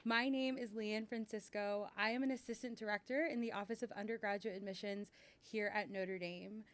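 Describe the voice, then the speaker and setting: A woman's voice: medium pitch, fairly even intonation, normal speed, a bit bright. A woman who works in university admissions, moderating a student panel in an upbeat, welcoming way.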